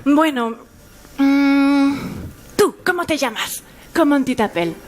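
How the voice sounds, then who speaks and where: This young adult comedian's high-pitched, expressive voice takes things slowly as she portrays a bubbly Spanish woman leading a language class in French, complete with Spanish accent. It is a stand-up character act on a theatre stage, playful and teasing toward the live audience, with slight background noise.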